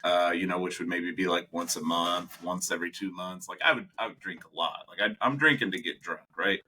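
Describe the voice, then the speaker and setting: A young man co-hosting a podcast, telling animated stories in casual chat, laughing often and acting out what people said. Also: deep voice, brisk, slight background noise. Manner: animated storyteller, laughs often, acts out quotes. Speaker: podcast co-host.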